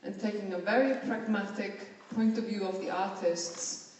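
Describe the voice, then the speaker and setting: An Icelandic woman speaks earnestly as a panelist in a conference hall, often repeating words as she thinks. Her medium-pitched, darkish voice stays fairly even at a moderate pace, picked up by a distant mic in an echoey hall with a little hiss or hum.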